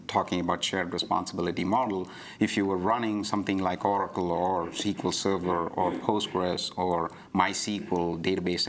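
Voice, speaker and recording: A man explaining a technical service model on a livestream, talking fluently with frequent "you know" and "right?" fillers. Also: sits low. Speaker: cloud provider guest expert.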